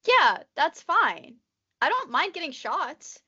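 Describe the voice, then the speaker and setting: Slow but very animated, this twenties-aged woman with a high, pushed, bright voice co-hosts a podcast on lo-fi audio. Her casual chat rambles nervously, packed with "like" fillers.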